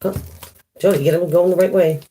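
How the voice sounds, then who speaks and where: A woman's voice: lowish voice, steady tone, brisk, warm tone. A woman giving a casual live-stream tarot reading, chatty, laughing at her own jokes and greeting viewers by name. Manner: chatty, laughs at herself often. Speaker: tarot reader.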